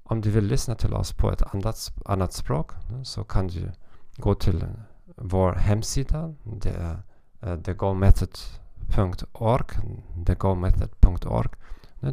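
A man hosting a language-learning podcast, talking in a halting, careful way with frequent pauses. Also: lowish voice, creaky, mellow, no room sound, clean studio sound. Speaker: podcast host and language teacher. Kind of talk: informal podcast monologue.

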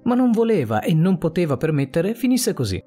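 A man's voice: fairly high pitch, very animated, brisk, mellow, husky, faint music behind. Man narrating a suspense story. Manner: dramatic, suspenseful reading.

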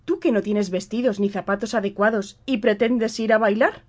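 A woman voicing a cold, scornful middle-aged stepmother who scolds loudly and mockingly. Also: mid-range voice, steady tone, normal speed, voice pushed up, close to an everyday voice.

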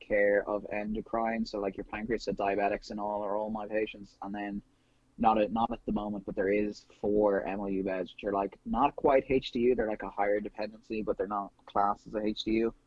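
A man's voice: on the low side, level tone, fairly quick, dry recording, dull audio. A young Irish man in his twenties, a nurse guest, chatting casually on a podcast in a rambling way. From Ireland.

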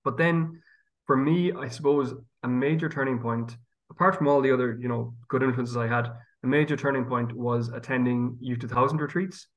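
A man's voice: mid-range voice, fairly even intonation, moderate pace, dull audio. Irishman with a west of Ireland accent. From County Galway, west of Ireland. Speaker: priest and guest. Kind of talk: conversational interview answer.

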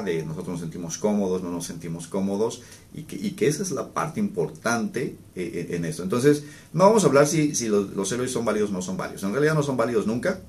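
A man with a Mexican accent, a therapist, telling a personal anecdote in relaxed, casual talk full of fillers and restarts. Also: low-pitched. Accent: Mexican Spanish. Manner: relaxed storytelling with many fillers and restarts, chuckling. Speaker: therapist and podcast host.

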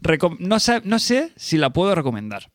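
A man from chatting casually as a podcast co-host, animated and acting out quoted reactions. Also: fairly high pitch, normal speed, dry recording, studio quality. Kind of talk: casual chat.

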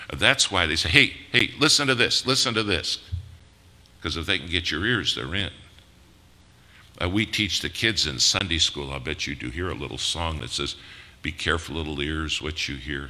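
Very deep-voiced man preaching. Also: vocal fry. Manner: dramatic preaching with sudden loud bursts and hushed drops. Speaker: pastor. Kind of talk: sermon. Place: church sanctuary. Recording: reverberant hall with faint noise.

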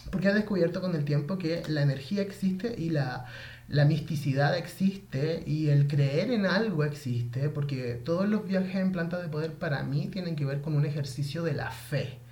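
A man telling a long, rambling, animated story in casual, slangy speech. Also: a little high, normal speed. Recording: echoey room.

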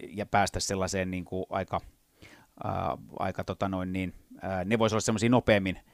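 A man's voice: low voice, level tone, dry recording. A man who works as a voice impressionist, talking casually in an interview and often hesitating as he searches for words. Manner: hesitant, many fillers and restarts, slips into impressions. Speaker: voice impressionist guest.

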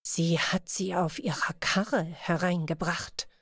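A woman voicing a sly, smooth-talking male master thief who speaks low and conspiratorially in an audiobook. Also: lively intonation, a little slow, no room sound, clean studio sound, close to an everyday voice. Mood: sly, hushed. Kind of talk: audiobook character voice.

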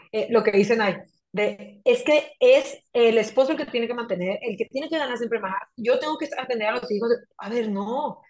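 A middle-aged Mexican woman with a Mexican accent, telling stories in a lively casual chat and acting out quoted voices. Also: fairly high pitch. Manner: animated, acts out quoted voices.

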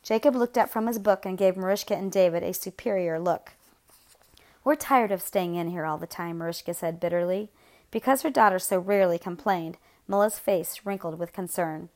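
A woman narrating a novel aloud in a steady, measured, grave storytelling voice. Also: mid-range voice. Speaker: audiobook narrator.

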